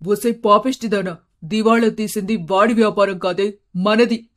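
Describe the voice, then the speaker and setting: A loud, scolding middle-aged shop owner for an animated moral story. His voice sits high for a man and pushes forward with raw complaint and blame. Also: normal speed. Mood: furious. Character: anguished middle-aged male cloth-shop owner, harsh-tongued.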